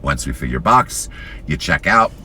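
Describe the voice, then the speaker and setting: A man's voice: very deep voice, very animated, normal speed, sharp tone. A man in his fifties hosting a live stream, chatting casually and at length from inside a car. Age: 50s. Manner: rambling, chatty, frequent laughs. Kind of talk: casual vlog chat while driving. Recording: noisy car interior.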